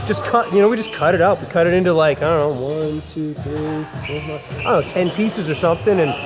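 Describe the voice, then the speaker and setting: A middle-aged man with a notably high voice talks casually as a guest. His manner is rambling and laid-back, full of skater slang, and music plays behind him. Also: quick pace. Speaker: guest, skate park builder. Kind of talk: casual chat.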